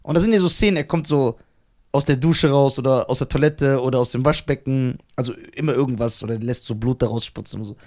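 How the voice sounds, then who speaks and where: A woman co-hosting a casual chat, telling a story with lively energy and acting out what people said. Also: very deep voice, fast. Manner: lively storyteller who acts out quoted voices.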